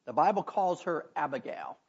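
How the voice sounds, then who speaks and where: A pastor preaches in a church sanctuary with a hoarse, gravelly, rough voice that sits on the high side. He is expressive and speaks at normal speed, folksy in manner, breaking off for chatty asides. The recording sounds dull and lo-fi.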